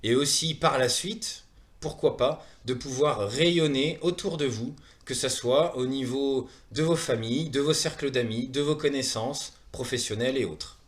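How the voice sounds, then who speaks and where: This semi-prepared presentation of a wellness training programme comes from a man in his thirties, a native of Saumur, Maine-et-Loire, with a French-from-France accent and a medium-pitched voice. He sounds earnest yet hesitant, frequently stopping and repeating himself.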